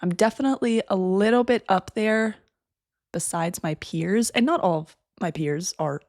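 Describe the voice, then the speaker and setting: A woman's voice: medium pitch, normal speed, darkish tone, dry recording, studio quality. A young woman in her twenties hosting a casual solo podcast, chatty and rambling, sounding a bit congested. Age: 20s. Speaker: podcast host. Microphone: desk microphone.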